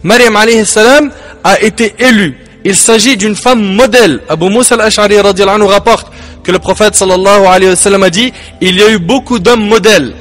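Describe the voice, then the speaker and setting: A male preacher giving a sermon in French, emphatic, with rises and dramatic drops and pauses. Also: high-pitched, a bit bright, soft background music. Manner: emphatic, rising and falling delivery with dramatic pauses.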